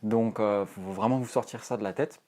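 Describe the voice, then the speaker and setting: A young man talks straight to camera about fitness in a loose, rambling way. His voice sits fairly low, and he leans hard on fillers and restarts as he goes. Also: fairly even intonation, normal speed, mellow. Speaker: fitness vlogger. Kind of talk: casual advice to camera.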